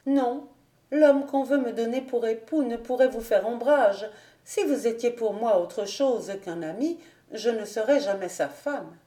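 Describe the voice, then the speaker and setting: A woman reading a novel aloud, voicing a proud young noblewoman in a slightly higher voice, haughty and controlled. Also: a little slow, mellow, distant mic, close to an everyday voice. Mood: light. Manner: controlled, haughty, restraining tears. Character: proud young noblewoman hiding her heartbreak. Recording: roomy home recording.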